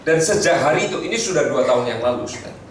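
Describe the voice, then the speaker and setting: A middle-aged pastor from Tegal, telling stories in a chatty sermon and speaking to the congregation. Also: male voice, a little high, fast, far from the mic, a little hiss or hum. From Tegal, Central Java. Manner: storytelling, lively, chatty asides to the congregation. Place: church hall. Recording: echoey hall, mic from afar.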